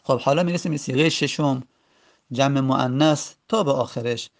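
A man's voice: medium pitch, vocal fry. A man teaching a grammar lesson, patiently repeating each form aloud with frequent hesitations.

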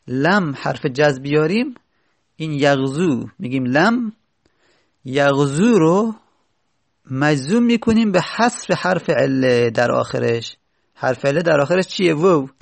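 A man's voice: fairly high pitch, creaky, dry recording. A man teaching an Arabic grammar lesson, patiently repeating each rule and example step by step. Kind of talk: explanatory lesson.

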